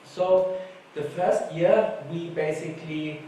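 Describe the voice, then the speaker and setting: Taking his time, a man with a fairly high, dark voice and fairly even intonation tells casual stories at a conference talk. He's a panelist from Germany who grew up speaking German. The conference hall's echo, a distant mic, and faint noise color the recording.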